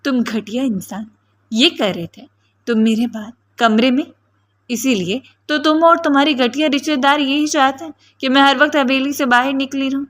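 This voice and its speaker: A woman's voice: a little high, expressive, a bit bright. A woman voicing a furious, accusing young wife.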